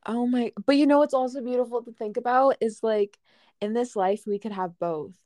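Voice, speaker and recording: A woman's voice: on the high side, moderate pace, a little mellow, no echo, clean studio sound. A young woman co-hosting a podcast, chatting casually in a dreamy, effusive way. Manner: dreamy, effusive, stretches words. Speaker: podcast co-host. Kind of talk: casual chat.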